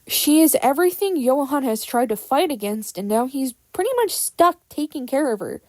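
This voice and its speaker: A woman with a fairly high voice and a dry, close sound rants in an opinionated, slightly unhinged way. She speaks casually from prepared material, swearing freely and dropping sarcastic asides. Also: lively intonation, normal speed, no echo. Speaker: fan fiction creator. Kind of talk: casual scripted rant explaining characters.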